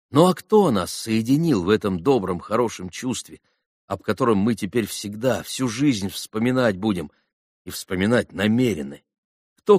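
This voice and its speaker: An earnest, heartfelt young orator from an audiobook, read by a man. The voice sits low and sounds close and dry, with no room around it. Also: no room sound. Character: earnest young man addressing boys at a graveside. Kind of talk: audiobook reading.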